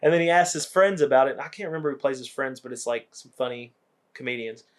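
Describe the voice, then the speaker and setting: A man's voice: mid-range voice, quick pace. A young man co-hosting a podcast, casually retelling comedy movie scenes and acting out the lines. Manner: animated storytelling, acts out quotes. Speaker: podcast co-host.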